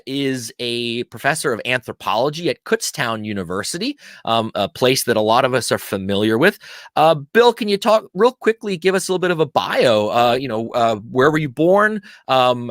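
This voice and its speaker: A man from Pennsylvania hosts a live-streamed show, casually greeting viewers and chatting in a friendly, talkative manner. His mid-range voice is animated and fairly bright, at a moderate pace, in a dry, studio-quality recording.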